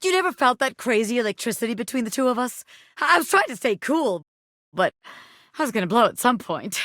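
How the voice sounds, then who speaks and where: A woman's voice: a little high, big pitch swings, a little fast, a bit bright, no echo, studio quality. A woman voicing a scrappy living hairpin in a video game, a brash wannabe crime boss with streetwise, slangy tough talk. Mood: flirty confession. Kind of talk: video game character dialogue.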